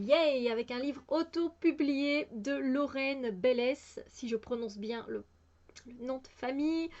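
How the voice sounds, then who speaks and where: A woman's voice: sits high, dull audio. A woman with a Belgian French accent chatting casually about her new books, hesitant with many fillers and restarts. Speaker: book vlogger. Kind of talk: casual book haul chat.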